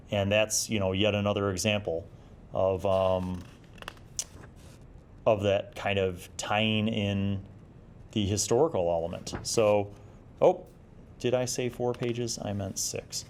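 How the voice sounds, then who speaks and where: The speaker, a man with a somewhat mellow, fairly low-pitched voice, hosts a review of retro games. He chats loosely and thinks aloud, letting the commentary ramble.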